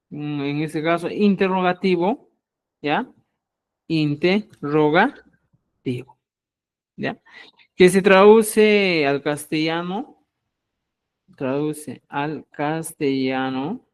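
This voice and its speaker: A man leads a live online language class at an unhurried pace. His voice sits a little high, and he explains patiently, pausing often to check that his students are following. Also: darkish tone. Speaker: language teacher.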